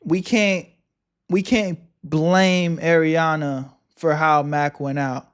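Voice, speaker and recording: Slow slangy streamer on livestream headset audio. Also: male voice, a little high, steady tone, clean tone. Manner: slangy, drawn-out, talks back to the video. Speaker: livestreamer reacting to a video. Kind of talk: casual live reaction commentary.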